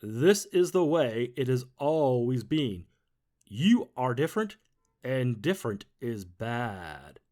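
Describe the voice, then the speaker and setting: A man puts on a pompous stink bug who runs the garden in this storybook reading. He booms his rules slowly and loudly, his pitch swinging widely. He sounds self-important and stern. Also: sing-song. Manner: loud, slow, booming decrees.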